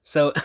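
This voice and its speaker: A man giving blunt, crude commentary on a clip in a drawling way. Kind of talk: slow commentary.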